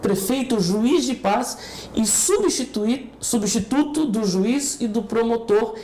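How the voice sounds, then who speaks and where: A woman's voice: on the high side, lively intonation, slow, dark tone, echoey room, a little hiss or hum, low-quality recording. A Brazilian woman interviewing someone in a conversational style.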